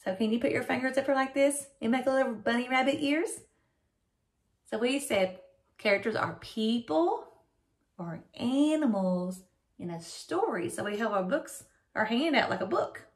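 A middle-aged woman kindergarten teacher giving a children's reading lesson in an animated, simply questioning way, as if reading to a toddler. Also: on the high side, moderate pace. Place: small room at home, indoors.

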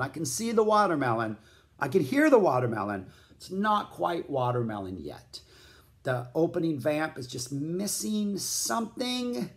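A man giving a casual spoken album review, rambling and enthusiastic, with lots of "like" fillers, scatting riffs aloud and mentioning he feels hot. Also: mid-range voice. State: feeling hot. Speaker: music vlogger reviewing albums.

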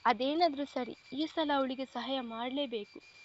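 A woman voicing a caring young man who plays a protective elder brother, speaking gently and reassuringly, in a storybook reading. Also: high voice, unhurried, dull audio, a little hiss or hum. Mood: musing.

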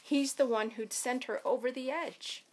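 An elementary school teacher reads a children's novel aloud to her students, telling the story in a lively, expressive way. Her voice is high and her pace moderate, with slight background noise.

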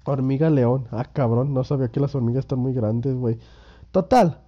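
A gaming YouTuber in his twenties with a Mexican Spanish accent rambles through casual gameplay commentary, full of crude slang and self-mocking jokes. He's sick with a cold and a sore throat, and his mid-range voice comes at normal speed through dull-sounding audio.

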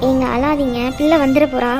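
A woman voicing a high soothing cartoon wife. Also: steady tone, brisk, music in the background, lightly acted. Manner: soothing, reassuring. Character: caring wife and mother, soothing. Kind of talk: cartoon voice acting.

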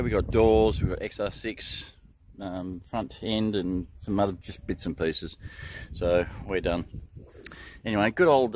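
A middle-aged man with an Australian accent talks loosely to a handheld camera, stopping and restarting his sentences with plenty of ums. He is outdoors on a country town street, with faint traffic and ambient noise behind him. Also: mid-range voice. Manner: rambling, with many ums and restarts. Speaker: vlogger. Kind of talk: casual road-trip vlog. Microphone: handheld camera at arm's length.

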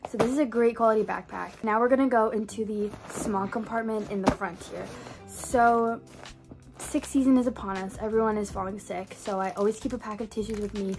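A woman's voice: medium pitch, fairly even intonation, brisk. Young woman, college student, casual vlog, small dorm room, phone mic, background music. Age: young adult. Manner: chatty, breezy, full of fillers like "um" and "like". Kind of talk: casual vlog talk to camera. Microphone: phone camera at arm's length.

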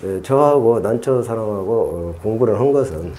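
A man's voice: fairly low pitch, lively intonation, normal speed, warm tone. A middle-aged man hosting a casual hands-on gardening tutorial, chatty and repeating himself as he thinks aloud. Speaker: orchid-growing channel host.

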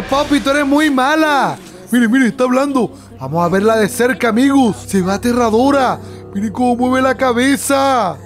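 High-voiced guy doing jumpy game commentary, scared yelps, talks to viewers, soft music behind. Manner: jumpy and fearful, keeps calling to viewers as friends. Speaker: gaming YouTuber. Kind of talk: excited gameplay commentary.

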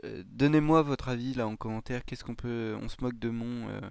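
A man's voice: mid-range voice, fairly quick, creaky, darkish tone, smooth, no echo. A man giving casual let's-play commentary, thinking aloud with hesitant, self-mocking remarks and frequent chuckles. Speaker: gaming YouTuber.

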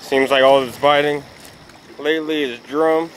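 Recorded at night on a handheld phone, the low-quality audio has a bit of hiss or hum as a fishing vlogger narrates from a rocky riverbank. With a fairly high voice and a measured pace, he chats easily with viewers while handling a fish.

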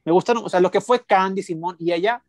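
High-voiced gossipy man. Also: darkish tone, no room sound. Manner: chatty, gossipy, quick agreeing interjections. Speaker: co-host reviewing a reality show. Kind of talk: casual chat.

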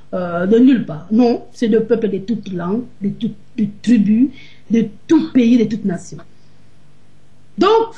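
A woman's voice: sits high, a little mellow. Emphatic woman preaching on a video call. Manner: emphatic, rhetorical questions. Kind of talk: sermon-like teaching on a video call. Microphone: video call webcam.

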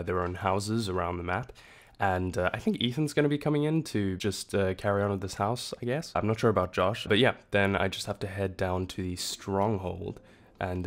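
A man hosting a casual gameplay commentary in a groggy morning voice, rambling with lots of fillers and restarts. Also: sits low. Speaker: gaming channel host.

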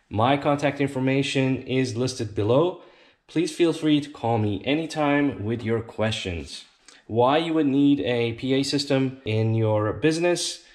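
Standing at a tabletop demonstration bench indoors, a man acts as a company representative and walks through an installation step by step. His mid-range voice has a darkish tone, and he explains things plainly and informally.

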